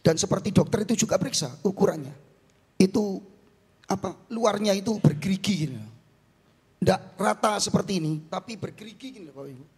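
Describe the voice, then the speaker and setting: A middle-aged East Javanese pastor with an Indonesian accent and a husky voice, preaching with force and then telling a personal testimony in a quieter, halting way. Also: male voice, sits high. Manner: preaches loudly, then tells his story softly and haltingly. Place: large church hall. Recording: long church hall reverb.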